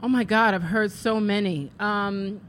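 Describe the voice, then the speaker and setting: A woman guest on a talk radio show, chatting in a relaxed, conversational way. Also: mid-range voice, measured pace, slight background noise. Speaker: guest, business founder. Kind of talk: casual radio interview.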